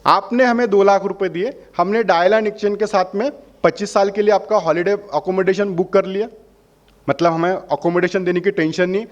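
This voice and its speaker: A man's voice: high voice, steady tone, brisk, highs cut off. A man representing a holiday membership company, answering customers' questions and persuading them by asking questions and answering them himself. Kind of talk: explaining a sales pitch to customers.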